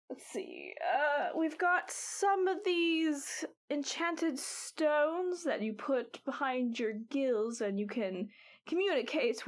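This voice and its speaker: A woman voicing an elderly woman who supplies potions and gear in a tabletop game, in a slow, halting old-lady voice. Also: a little high.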